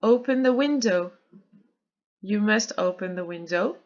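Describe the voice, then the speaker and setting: A woman with a French accent, an English teacher recording an online lesson, alternating slow drilled English sentences with brisk explanations. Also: medium pitch, a little mellow, muffled recording. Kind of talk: recorded online lesson for middle-school pupils.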